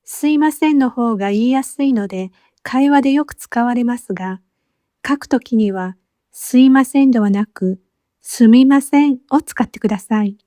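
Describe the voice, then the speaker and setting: A woman teaching as a language teacher, narrating a scripted lesson with clear, patient explanations. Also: fairly high pitch, moderate pace, warm tone, dry recording, clean studio sound. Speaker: Japanese teacher.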